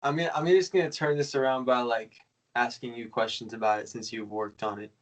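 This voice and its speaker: A man's voice: medium pitch, steady tone, a little fast, rough recording. A man hosting a casual conversation, talking in a loose, slangy way and often searching for words.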